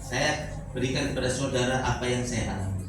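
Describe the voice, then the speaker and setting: A middle-aged man preaching a sermon, telling his own testimony and swinging between loud proclamations and quiet asides. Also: medium pitch, a little fast. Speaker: pastor. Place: church service hall. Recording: echoey hall, distant mic, background noise.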